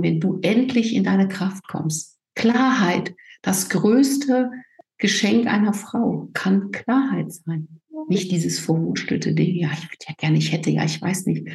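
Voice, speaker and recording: A woman coach speaks with emphatic conviction in a relaxed interview, punctuating her thoughts with quick tag questions. Her voice sits at a middle pitch and bounces around an echoey room. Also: creaky. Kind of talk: casual interview chat.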